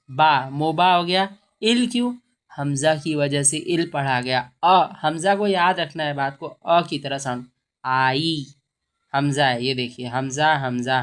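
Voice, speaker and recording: A woman teacher explaining a textbook reading lesson, patiently repeating and sounding out words. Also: on the low side. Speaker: Urdu teacher.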